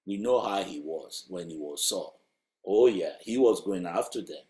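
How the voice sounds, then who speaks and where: A man's voice: sits low, expressive, moderate pace, darkish tone. A man preaching a sermon in a conversational, emphatic way, asking rhetorical questions. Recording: roomy echo.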